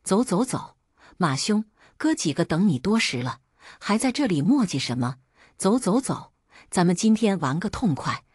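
A woman storyteller voicing a rowdy male gambling buddy who hurries a friend along boisterously, with a husky voice. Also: lowish voice, sing-song, moderate pace, darkish tone, dry recording, studio quality. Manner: boisterous and hurrying. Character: rowdy male gambling buddies, eager and pushy.

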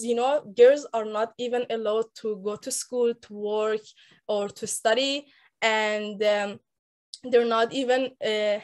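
Young woman, 19, persian accent, fairly high voice, earnest and halting, lots of restarts, laptop call audio. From Afghanistan, raised in Iran. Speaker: speaker on a mentorship call. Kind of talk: personal story talk on a group call. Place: indoor room. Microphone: laptop webcam on a video call.

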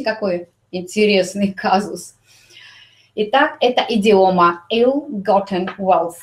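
A woman teaching an English grammar lesson, explaining slowly and repeating English example sentences. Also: fairly high pitch.

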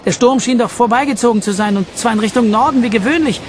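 A man voicing Jean, a lively male sailor, in an audiobook, speaking animatedly. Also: very high voice, quick pace, a little hiss or hum, pitched above the performer's own voice. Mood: excited. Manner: animated, raised voice.

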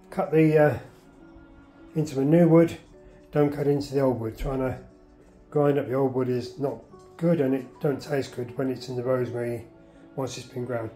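A man's voice: mid-range voice, steady tone, moderate pace, long pauses, warm tone. Man, practical how-to chat, roomy kitchen sound, music playing behind. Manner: plain, practical, chatty instructions with fillers. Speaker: gardener showing how to dry herbs. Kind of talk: casual how-to demonstration. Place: home kitchen, indoors.

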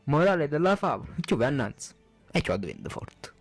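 A man doing brash Neapolitan anime footballers, swooping pitch. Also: big pitch swings, normal speed, gravelly, slightly rough, no room sound, exaggerated voice. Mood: boastful narrating. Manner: colloquial, exaggerated dialect. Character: brash, foul-mouthed male anime football players, speaking in dialect. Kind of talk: comic fan dub of a football anime. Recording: background music behind the voice.

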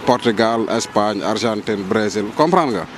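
A man's voice: on the low side, expressive, moderate pace. A man in a street interview, talking cautiously and reasoning things out into a handheld microphone. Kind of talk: casual street vox pop. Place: street outdoors. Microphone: handheld mic held by interviewer. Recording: street noise outdoors.

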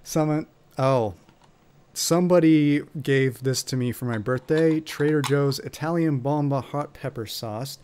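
A man on an online video-call panel, chatty and quick to laugh. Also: medium pitch, darkish tone, smooth. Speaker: panelist and co-host.

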